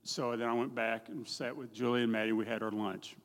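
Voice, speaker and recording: A man's voice: medium pitch, steady tone, a little fast. A middle-aged man giving a plain-spoken, folksy personal testimony in a church, telling his story with a self-deprecating edge. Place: church hall. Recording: long reverb of a church hall.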